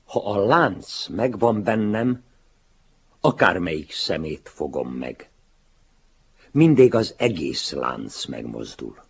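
A man reading a literary story aloud in a measured, solemn way, in a dull lo-fi recording. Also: low voice, sing-song, creaky, husky. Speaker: reader.

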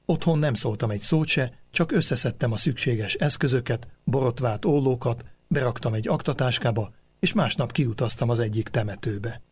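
A man reading a memoir aloud in a measured, reflective storytelling manner. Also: medium pitch, slightly rough. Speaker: narrator.

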